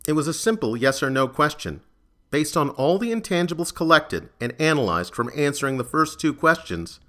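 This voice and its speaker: A male narrator reads a crime serial in a measured, even storytelling manner. His tone is bright and forward, and his pitch sits mid-range for a man. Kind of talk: scripted audiobook narration.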